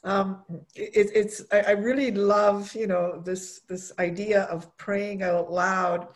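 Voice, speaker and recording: A middle-aged woman hosting a conversational talk, speaking haltingly and repeating words and phrases for emphasis. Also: mid-range voice, level tone. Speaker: host of a mothers' prayer group talk. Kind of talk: warm conversational talk with closing reflections.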